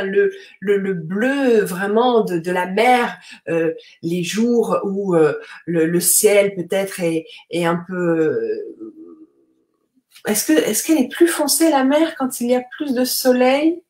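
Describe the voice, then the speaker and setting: Woman, French teacher, live lesson, patient explanations, many fillers, fairly high voice, echoey room. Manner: patient, slow explanations with frequent fillers and tag questions. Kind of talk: live-streamed vocabulary lesson, reading viewer comments. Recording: roomy echo.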